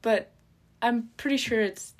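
A woman's voice: a little high, a little slow. A young woman co-hosting a casual comedic chat, rambling and giggly, cracking jokes as she goes. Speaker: co-host.

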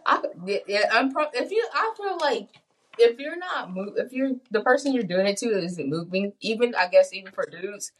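A woman's voice: a little high, animated, moderate pace. A young woman co-hosting a podcast in casual chat, joking and slangy, often laughing. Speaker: podcast co-host.

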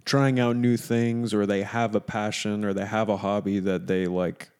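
A man co-hosting a podcast, talking in a relaxed, reflective way and hedging with fillers. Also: on the low side, normal speed, clear, resonant tone. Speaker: podcast co-host. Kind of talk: casual chat.

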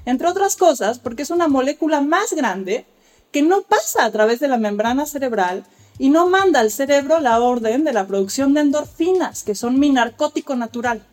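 In an interview, an expert guest explains childbirth care. She has a high, slightly mellow voice and speaks animatedly at a moderate pace, articulate and lecturing, acting out the conversations she quotes.

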